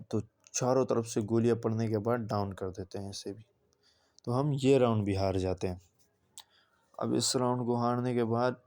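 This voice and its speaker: A man's voice: lowish voice, mellow. A man giving a casual gameplay commentary voice-over, recounting his match and talking straight to the viewers. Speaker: gaming channel creator.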